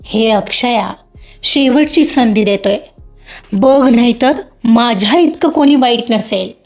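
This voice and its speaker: A woman's voice: fairly high pitch, takes it slowly. A woman voicing an angry young man who turns from pleading to threats, in a storybook reading. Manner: shouting, bitter, sneering. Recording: dull lo-fi with faint music.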